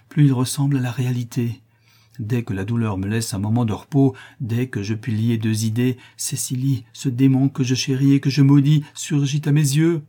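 A tormented notary in a fevered delirium, his cries climbing high and shrill, as a man acts him out. The voice underneath is dusky and husky, pushed to frantic outbursts in a storybook reading. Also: warm tone, close to an everyday voice. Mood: obsessed. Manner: frenzied, shrill outcries. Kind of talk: audiobook character reading.

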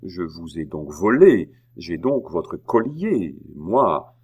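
A man's voice: low voice, big pitch swings, takes it slowly, a little mellow, husky, heavily acted. A man voicing a haughty, indignant queen who speaks imperiously and mocks with scornful laughter. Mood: cold.

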